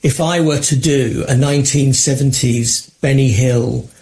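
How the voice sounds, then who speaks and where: A man with a polished, posh London English accent, speaking at an ordinary mid pitch. He thinks aloud in a relaxed podcast chat, hedging his points and laughing easily. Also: measured pace. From England. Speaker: podcast co-host. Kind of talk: casual conversation.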